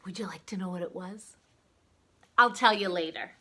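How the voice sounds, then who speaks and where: With a lowish voice at normal speed, a woman reads aloud to small children, adding dramatic emphasis and posing questions to her audience in an expressive manner.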